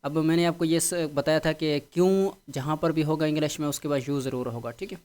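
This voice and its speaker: A man's voice: fairly high pitch, fairly even intonation, a little mellow. A man teaching a vocabulary lesson, explaining patiently and checking in often with his students. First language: Urdu. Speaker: English teacher.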